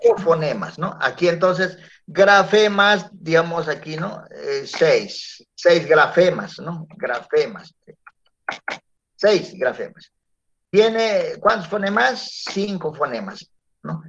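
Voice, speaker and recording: A man's voice: on the high side, lively intonation, takes it slowly, fairly bright tone, slight background noise. A male teacher giving a classroom lecture, often checking in with his students through tag questions. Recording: dull lo-fi classroom recording.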